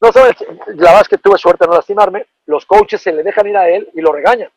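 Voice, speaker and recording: A former football player, middle-aged and speaking with a Mexican Spanish accent, tells a slangy, profane anecdote with lively energy. His high, creaky voice runs a little fast, and the low-quality recording has no echo.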